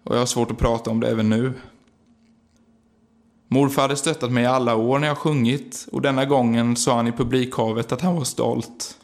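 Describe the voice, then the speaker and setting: A man reading aloud a heartfelt personal remembrance, in a quiet, earnest and reflective way. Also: medium pitch, fairly even intonation. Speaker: singer remembering his late grandfather. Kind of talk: read-aloud personal memorial narration.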